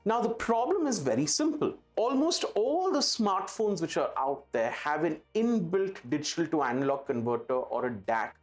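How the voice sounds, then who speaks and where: With background music behind him, a man with an Indian accent enthusiastically and emphatically presents a product on camera for an audio retailer. His voice is on the high side and sing-song, at a moderate pace with few pauses.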